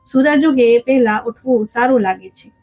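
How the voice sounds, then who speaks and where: Woman reading as a quiet humble village bride. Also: on the high side, normal speed, no room sound, close to an everyday voice. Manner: soft, quiet. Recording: dull lo-fi with faint music.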